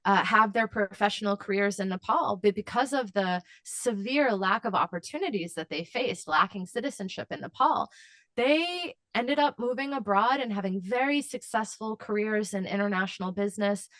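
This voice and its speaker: A woman's voice: mid-range voice, moderate pace, fairly bright tone, no echo. A woman guest in an interview, answering at length in an impassioned way with fillers and restarts. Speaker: advocacy guest.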